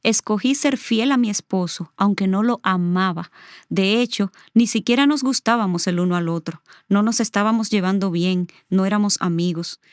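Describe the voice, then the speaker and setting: A woman's voice: medium pitch, moderate pace, dry recording, studio quality. A middle-aged woman, a guest on the show, telling a personal testimony in an earnest, reflective way. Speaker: interview guest.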